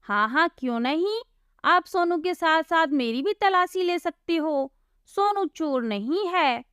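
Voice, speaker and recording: A woman's voice: very high voice, animated, measured pace, a bit bright, dry recording, clean studio sound, pitched above the performer's own voice, full character voice. A woman doing a sly, smug false friend. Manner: smug, mock-innocent. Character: sly scheming young man, false friend.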